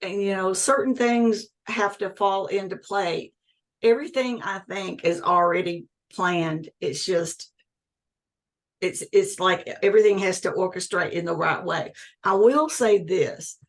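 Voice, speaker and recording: With a mid-range voice and measured pace, a woman in her sixties answers as a guest in a conversational interview, earnest and emphatic, restating key phrases.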